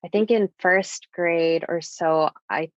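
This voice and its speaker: With a lowish voice and a slow pace, a young woman from the United States, a native Japanese speaker, talks earnestly and thoughtfully as a podcast guest, leaning on lots of casual fillers. It's a reflective personal conversation with no room sound, captured in dull lo-fi audio.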